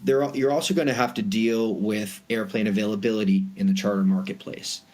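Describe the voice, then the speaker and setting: A private jet charter broker with a Boston accent, appearing as an expert interview guest, explains his industry conversationally and emphatically. His voice is fairly low, steady and a little mellow, and he talks fairly quickly.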